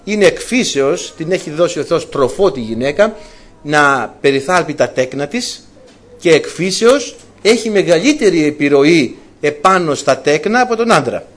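A man's voice: on the high side, animated, a bit bright. A man preaching a sermon, telling stories to his congregation with colloquial asides and calling them dear brothers.

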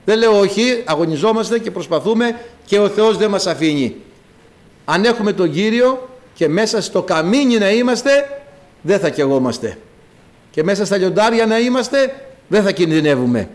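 Greek Orthodox-style preacher, animated and high. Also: male voice. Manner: dramatic, acts out quoted voices with big pitch swings; addresses the congregation as brothers. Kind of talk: sermon.

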